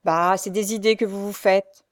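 A woman voicing a coarse, cruel old female beggar who scolds in a harsh, shrill way. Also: steady tone, moderate pace, lightly acted. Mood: scornful. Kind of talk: audiobook character reading.

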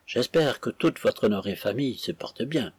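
A man's voice: medium pitch, expressive, normal speed, husky, no echo. A man voicing a frail, humble old man who speaks with polite deference. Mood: earnest.

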